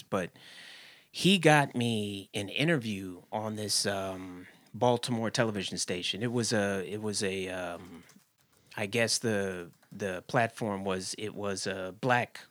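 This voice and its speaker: Low-voiced actor dude telling stories on a podcast, gets loud and high when he's worked up, dry close mic. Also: normal speed, no echo. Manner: animated, big jumps in pitch when laughing. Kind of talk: casual chat, storytelling.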